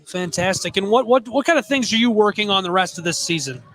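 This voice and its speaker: A man calling play-by-play for local radio at a basketball game, with brisk calls of the score and clock. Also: high-pitched, lively intonation, fairly bright tone. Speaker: play-by-play announcer. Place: basketball gym, courtside.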